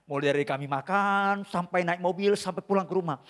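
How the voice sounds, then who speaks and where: A male pastor preaching an emphatic sermon at a church service, swinging between loud bursts and quiet asides and calling out to the congregation often. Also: high-pitched, moderate pace. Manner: addresses the congregation again and again as brothers and sisters.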